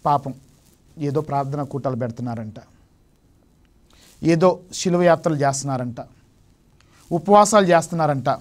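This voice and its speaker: High-voiced man preaching emphatically. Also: normal speed, pauses often. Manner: emphatic preaching, rising sharply on key phrases. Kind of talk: Lenten sermon. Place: television studio.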